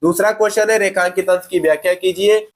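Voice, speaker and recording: High-pitched guy going through an exam paper like a class, keeps saying okay and answering his own questions. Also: steady tone, fast talker. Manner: fillers like "theek hai". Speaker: teacher. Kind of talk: exam paper walkthrough lesson.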